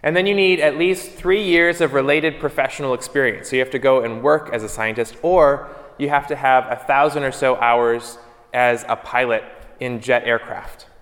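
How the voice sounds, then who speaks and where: A man leads a church service as its priest, speaking into a pulpit microphone at an ordinary middle pitch. His delivery is steady and measured. The sound rings out with the long reverb of a church interior. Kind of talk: gospel reading and homily.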